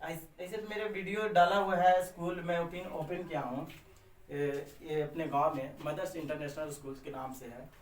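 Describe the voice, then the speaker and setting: Teacher in an echoey room. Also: male voice, fairly high pitch, fairly even intonation, moderate pace. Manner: repetitive, asks and answers his own questions with frequent "है ना". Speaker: teacher running his own channel. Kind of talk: grammar lesson to camera. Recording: echoey room, far from the mic.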